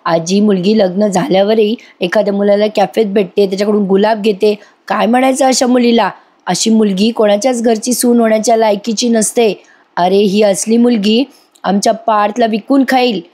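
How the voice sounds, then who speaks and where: A scornful, scheming older woman from a TV serial, accusing and cutting, read by a woman narrator. The voice stays mellow and sits at a middle pitch. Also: steady tone, normal speed, natural voice.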